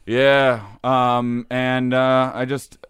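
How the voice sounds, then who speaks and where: Smooth-voiced man with a Wisconsin accent. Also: mid-range voice, monotone, extremely slow, fairly bright tone, dry recording. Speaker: podcast guest. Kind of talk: casual conversation, personal reminiscing.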